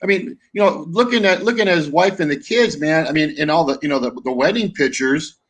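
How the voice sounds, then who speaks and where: A man's voice: on the high side, brisk, a bit bright, rough recording. A man in casual chat who rambles, restarts and repeats his words. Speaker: veteran discussion guest.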